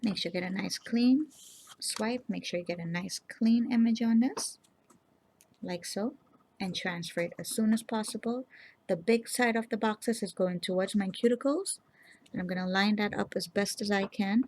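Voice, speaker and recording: A woman hosting a nail art tutorial, explaining each step in a calm, instructive way and speaking to viewers directly. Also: medium pitch, normal speed, slight background noise. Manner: calm, instructive, addresses viewers as "you guys". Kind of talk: casual step-by-step tutorial narration.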